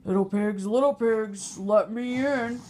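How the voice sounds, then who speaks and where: A woman voicing a hungry, blustering male big bad wolf in a storybook tale, drawing out slow, booming threats. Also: a little mellow, natural voice. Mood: menacing.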